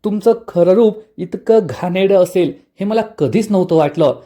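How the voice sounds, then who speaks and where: A woman's voice: lowish voice, moderate pace, warm tone, lightly acted. A man voicing a young village wife, hurt but determined, who speaks earnestly and pleadingly.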